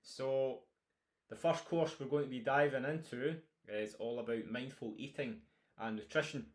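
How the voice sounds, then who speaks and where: A man's voice: medium pitch, steady tone, moderate pace. A man with a broad Scottish accent speaks as a coach, informally introducing a course and encouraging listeners directly. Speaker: health and nutrition coach presenting a course. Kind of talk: informal course introduction, talking through topics.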